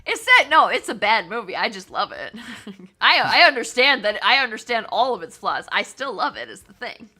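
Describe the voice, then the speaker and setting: A woman hosting a casual podcast chat, animated and quick to laugh. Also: fairly high pitch. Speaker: podcast host.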